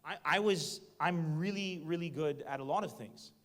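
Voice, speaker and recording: A man's voice: a little high, normal speed, a bit bright. A man, a stand-up comedian, giving a motivational talk to students, joking and questioning the audience directly. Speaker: guest speaker, stand-up comedian. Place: university hall before a student audience. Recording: echoey lecture hall.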